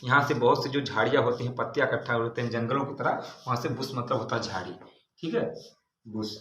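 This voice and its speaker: An English teacher with a fast, mid-range, slightly bright voice spells out words letter by letter in a large, echoey classroom, then repeats each meaning followed by "ठीक है". It's a vocabulary lesson, and the audio is dull, with faint background noise.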